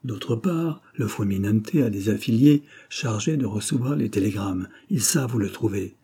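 A man's voice: fairly low pitch, expressive, moderate pace, dark tone, husky. A man reading an audiobook, voicing a commanding, calculating countess in a raised voice. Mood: explaining coolly. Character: scheming woman, a countess.

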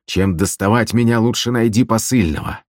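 A hungover middle-aged minstrel groans and whines every complaint, as a man acts him out. The voice sits deep and low, recorded dry and close for a storybook reading. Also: normal speed, dry recording, close to an everyday voice. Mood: groaning.

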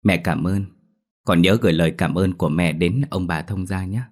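A stern old grandmother in a storybook ghost tale, as a male narrator voices her. She speaks firmly and readily turns to scolding. Her voice stays low and plain. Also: steady tone, normal speed, darkish tone, natural voice. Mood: calm. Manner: scolding, firm.

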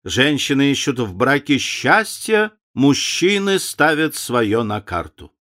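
A man voicing a witty, cynical aristocratic gentleman who drawls out epigrams. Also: mid-range voice, big pitch swings, takes it slowly, voice pushed up. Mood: wry.

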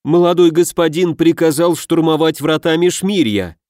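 A man voicing a frightened, scheming dog-headed junior mystic who pleads in a hurried, raised voice. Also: a little high, a little mellow, dry recording, studio quality, pitched above the performer's own voice, natural voice. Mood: pleading.

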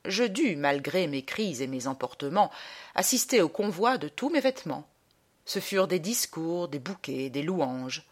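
A woman performing a comic verse monologue in rhyme. She has a lowish voice with very lively pitch, and she swings theatrically between indignant outbursts and hushed asides. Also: unhurried. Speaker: monologue reciter.

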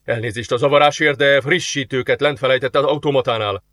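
A man voicing a polite, formal male alien receptionist in an audiobook, measured and courteous. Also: medium pitch, fairly even intonation, fairly bright tone, no echo, clean studio sound, natural voice. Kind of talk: audiobook character voice.

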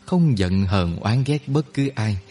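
A man voicing a calm, wise older male healer who explains things slowly and gently. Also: lowish voice, breathy edge, exaggerated voice. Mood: serene. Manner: slow, gentle, instructive.

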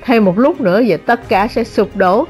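A woman narrating a translated novel as an audiobook, in a measured, dramatic reading. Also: mid-range voice, a little mellow, soft background music. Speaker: audiobook reader.

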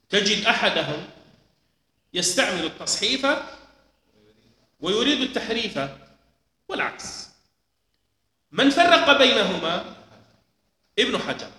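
A man teaching a lesson, explaining slowly and deliberately, repeating key points. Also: high voice, sharp tone, slight background noise. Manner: slow, deliberate explaining with repetitions. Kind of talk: lecture on hadith transmission. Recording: echoey hall with long reverb.

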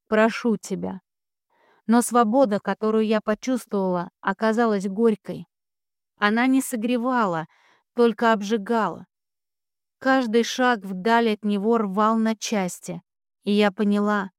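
A woman narrates a romance audiobook in the first person, her voice smooth and resonant. The recording is dry and close, with no room sound. Her telling stays steady and even. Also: mid-range voice, no room sound.

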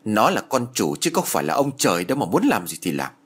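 A man's voice: lowish voice, very animated, a little fast, husky. A man playing a blunt, hot-tempered village man who speaks out indignantly.

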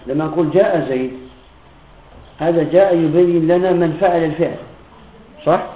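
A man teaches a classroom grammar lesson, pausing often to ask whether his students follow. His voice sits a little high. The recording is tinny and phone-like, with a roomy echo. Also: steady tone. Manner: keeps checking students' understanding with questions; repeats example phrases slowly. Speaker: Islamic teacher. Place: room with students present.

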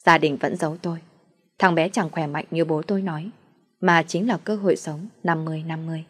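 A woman's voice: deep voice, fairly even intonation, a little fast, breathy edge. A woman reading a dramatic first-person story aloud as its narrator.

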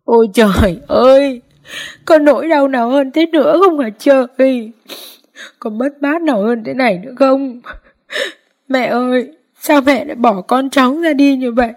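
A woman's voice: high voice, moderate pace, darkish tone, pitched above the performer's own voice. A woman voicing a grieving eldest daughter-in-law who wails and sobs in lament, in a spoken story. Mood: wailing. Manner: sobbing lament.

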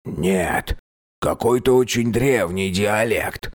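A man voicing a slow-spoken undead old king. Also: on the low side, expressive. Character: dead mummified old male king, cheerful and curious.

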